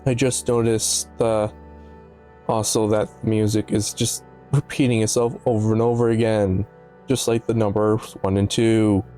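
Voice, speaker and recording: There's background music as a man with a mellow, lowish voice comments on a video. He's casual but analytical, musing as he talks, tripping over words a little and adding offhand asides.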